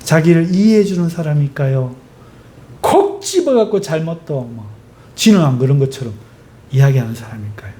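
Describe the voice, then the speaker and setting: A male pastor preaching a sermon, driving it with lively rhetorical questions and emphatic stress. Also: on the high side, moderate pace.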